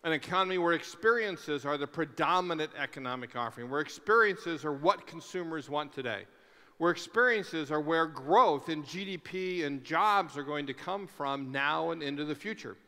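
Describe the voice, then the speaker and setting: A man's voice: a little high, lively intonation, moderate pace, bright, forceful tone. Man giving a keynote in a reverberant hall. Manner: emphatic, repetitive rhetorical lists, audience questions. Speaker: keynote speaker. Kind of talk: conference keynote speech. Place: large conference hall stage. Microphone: headset mic.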